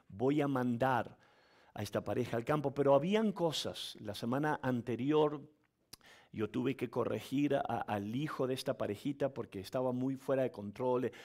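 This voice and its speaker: A man preaching as pastor, telling a story with acted-out voices and laughter, in an animated storytelling manner. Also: medium pitch. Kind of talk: sermon.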